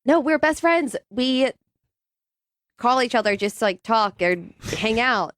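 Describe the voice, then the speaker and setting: A woman guest on a radio show who talks in an animated, giggly way. Her voice is a little high and swoops widely, and it sounds dry and close to the mic. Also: measured pace, dry recording. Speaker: studio guest. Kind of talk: casual studio banter.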